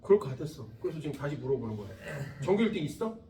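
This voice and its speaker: Rapid-fire and fairly high-pitched, a man in his thirties lectures his physics class, cracking jokes, cursing freely and bantering with students. The mic is far from him in an echoey classroom.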